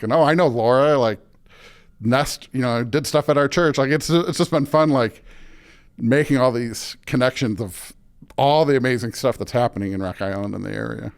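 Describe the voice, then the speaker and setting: In a smooth, mid-range voice, the suburban Illinois guest keeps things informal and anecdotal. He's middle-aged, has a Midwestern American accent, and says "like" a lot.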